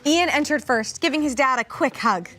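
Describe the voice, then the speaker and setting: A woman's voice: sits high, moderate pace, sharp tone, soft background music. A woman narrating a fan-fiction story aloud for comedy, amused and often laughing.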